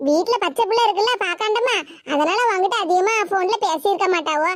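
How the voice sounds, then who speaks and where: A woman with a Tirunelveli Tamil accent voicing an older mother and grandmother in an animated cartoon comedy, in a lower, steady and firm voice. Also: brisk, dry recording, clean studio sound. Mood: soothing.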